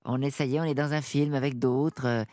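A woman in her sixties from northern France, a radio interview guest talking in a lively, halting way with many restarts. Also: very deep voice, no room sound, studio quality. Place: radio studio.

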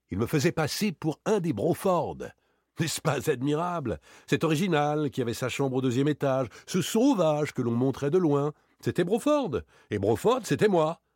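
A man reading an audiobook, voicing a suave, proud gentleman burglar with ironic, theatrical outbursts. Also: mid-range voice, no room sound, clean studio sound, pitched above the performer's own voice, natural voice.

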